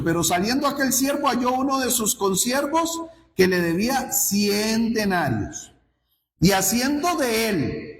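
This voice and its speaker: A man preaching a sermon, putting rhetorical questions to his congregation. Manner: rhetorical questions to the congregation, wide swings in pitch. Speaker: pastor. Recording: roomy hall reverb.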